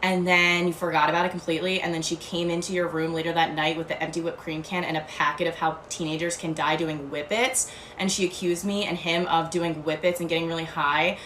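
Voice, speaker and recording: A woman's voice: on the low side, level tone, a bit bright, roomy sound, a little hiss or hum, poor audio. A woman casually retelling a story in a rambling way, peppered with "like". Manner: fast, rambling retelling with filler "like".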